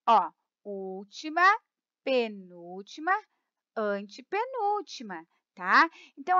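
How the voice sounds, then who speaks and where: Brazilian woman teacher, high and animated, dry lo-fi sound, drills rules patiently. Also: no room sound. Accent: Brazilian Portuguese. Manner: explains slowly, repeats rules, stretches key words; keeps checking in with "tá?" and "ó". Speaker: Portuguese teacher. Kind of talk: grammar lesson.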